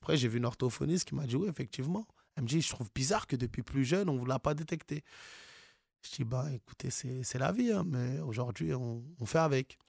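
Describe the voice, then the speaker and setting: A man's voice: mid-range voice, expressive, a little fast, gravelly, darkish tone, dry recording, clean studio sound. A man from France, an author being interviewed, speaking casually with many fillers and restarts.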